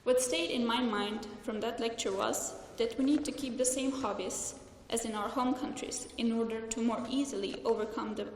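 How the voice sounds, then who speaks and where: A young woman from Slovenia gives a formal graduation speech in English from a lectern. She reads carefully and earnestly, stumbling slightly now and then, her somewhat high voice echoing through a large hall with faint room ambience. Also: a little hiss or hum. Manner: careful, earnest, read from notes with small restarts.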